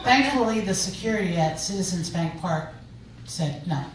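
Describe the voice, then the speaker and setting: A woman's voice: mid-range voice, lively intonation, moderate pace, noisy background. A woman comedian telling stand-up stories conversationally, building to punchlines with rhetorical questions in front of a live audience. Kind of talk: stand-up storytelling. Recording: echoey live room from far off. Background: audience laughter and room ambience.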